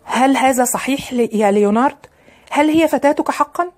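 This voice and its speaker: A woman voicing a proud, wounded wife who speaks slowly and presses on each word. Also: high-pitched, lively intonation, a little mellow, voice pushed up. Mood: pressing.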